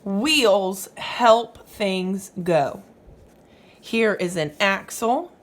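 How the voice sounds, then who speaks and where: This reader has a medium-pitched, animated voice and draws out her words. Acting as a teacher for small children, she explains the story while asking the listener questions.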